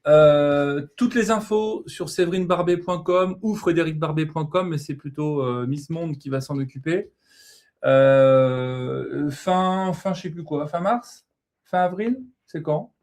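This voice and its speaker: A man with a voice a little higher than most men's, co-hosting a live card reading show. He talks in a loose, joking way, pokes fun at himself, swears casually and often trails off mid-sentence with fillers. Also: measured pace, darkish tone. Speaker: co-host of an oracle card reading livestream.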